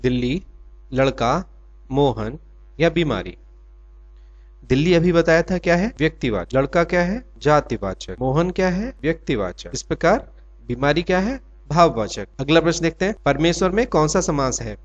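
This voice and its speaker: A man's voice: on the high side, sing-song, moderate pace. A man teaching an exam quiz lesson who asks questions and answers them himself, drawing out his example words. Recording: dull lo-fi recording.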